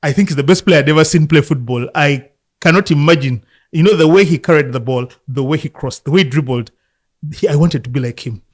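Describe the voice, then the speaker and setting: A man from Uganda in his fifties, a football coach, telling his life story in a relaxed interview, reflective and often laughing. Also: a little high, fairly quick. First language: Luganda.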